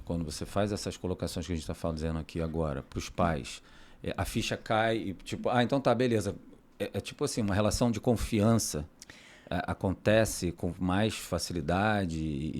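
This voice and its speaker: Brazilian man, podcast host, low-ish voice, informal and slangy. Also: normal speed, a little mellow. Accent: Brazilian Portuguese. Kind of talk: casual podcast conversation.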